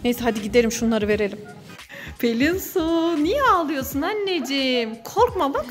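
A woman's voice: high-pitched, very animated, moderate pace, in a large hall, faint music behind. A woman hosting a family vlog skit, teasing and coaxing a child in a bossy, playful way. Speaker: vlog host playing a mother.

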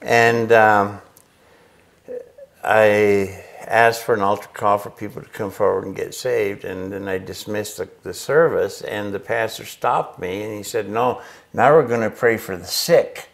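An older man with a lowish voice recounts a story in an animated, expressive way, often acting out his past reactions and laughing along. He was raised in Chile and speaks into a lapel mic in an indoor workshop. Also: a little slow, gravelly. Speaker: interviewed missionary. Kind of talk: storytelling in a casual interview. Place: indoor workshop with a pegboard wall.

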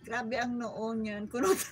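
A woman's voice: on the high side, expressive, unhurried, slight background noise, rough recording. A middle-aged Filipino woman hosting a live stream, chatting playfully with viewers, laughing often and mixing Tagalog and English. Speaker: livestream host. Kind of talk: live stream chat reading viewer comments.

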